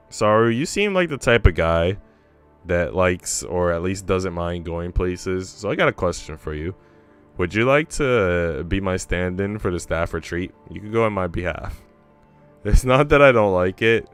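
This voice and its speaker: A male streamer with a low, slightly bright and clean-toned voice rambles in informal slang as he chats and reads a visual novel aloud. Faint game music plays in the background.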